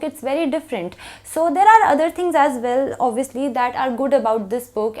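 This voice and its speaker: A young woman from India with an Indian English accent reviewing a thriller novel in an earnest, explanatory way. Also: high-pitched. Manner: earnest, even explaining tone with frequent "so" openers. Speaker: book reviewer. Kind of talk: scripted book review.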